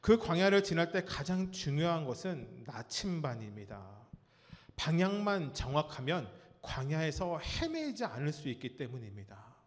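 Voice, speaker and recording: A male pastor delivers a storytelling sermon in a church sanctuary, his fairly high voice rising and falling in wide swings. He pauses to put questions to the congregation and dramatizes the moments of his story. A long reverb trails behind every phrase. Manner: animated storytelling, acts out cries and quotes.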